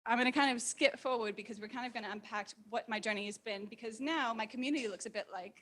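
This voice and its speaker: Talking fast with a fairly high pitch, a woman in her thirties recounts personal stories to a meetup audience in an informal, lively, frank way, acting out what she was thinking. Her accent is a blend that's hard to pin down, not distinctly American, New Zealand or Australian.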